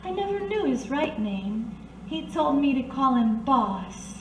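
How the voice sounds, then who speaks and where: An actress plays a blind, worldly 1930s working woman who knows underworld secrets, coaxing and soothing with unflappable poise in an old-time radio detective drama. Her high voice is very animated yet measured, darkish in tone, knowing and calm. It's a roomy, distant amateur recording a bit off-mic, with faint noise.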